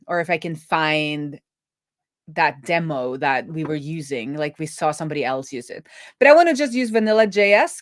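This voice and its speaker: This web developer's voice sits fairly low, captured with studio clarity and no echo. She hosts a laid-back coding stream, musing aloud informally while she codes.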